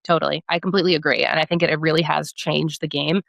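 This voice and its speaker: Speaking fast with vocal fry, this woman has a low-sitting voice that stays steady and a bit bright. She is a product marketing director guesting on a podcast, explaining things in a conversational interview and frequently adding tag questions. There's no room sound.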